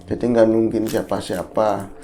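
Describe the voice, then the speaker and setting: A man's voice: lowish voice, flat delivery, normal speed, dark tone. A man co-hosting a podcast, telling a horror story in a casual, conversational way and checking in with his co-host.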